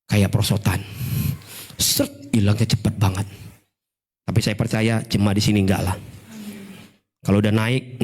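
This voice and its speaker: Animated Indonesian man preaching a sermon. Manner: animated, jumps to high excited voices for acted bits. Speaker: pastor. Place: church service.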